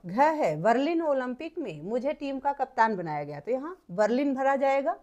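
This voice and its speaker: A woman's voice: sits high, very animated, normal speed, a little mellow, highs cut off. A woman teacher patiently working through textbook exercises step by step, repeating points for her students. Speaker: Hindi teacher.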